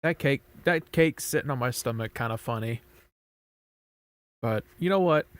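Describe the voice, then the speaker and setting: A man's voice: mid-range voice, normal speed, no room sound. A man streaming, chatting casually and rambling as he reacts to videos, swearing a lot.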